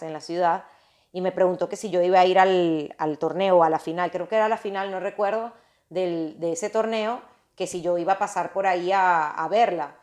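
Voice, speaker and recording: Woman telling a personal story. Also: lowish voice. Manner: animated, restarts and repeats phrases, talks straight to the audience. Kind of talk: casual personal storytelling to listeners.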